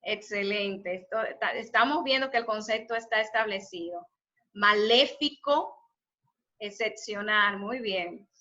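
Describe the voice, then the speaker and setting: A woman's voice: medium pitch, normal speed, hardly any pauses, pushed and bright. A woman teaching a spelling class live over a video call, encouraging and praising her students' answers. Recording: dull lo-fi video call audio.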